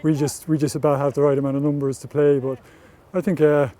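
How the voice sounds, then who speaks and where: Man, slightly high pitch, dark mellow tone, easygoing hesitant speech. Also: flat delivery, fast. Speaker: club player. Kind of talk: documentary interview.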